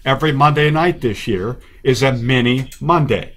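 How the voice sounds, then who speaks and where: Man, team rep and ballpark announcer, casual promo chat, medium pitch. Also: moderate pace, a bit bright. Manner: upbeat promotional, joking. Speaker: baseball team representative and stadium announcer. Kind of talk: casual studio interview.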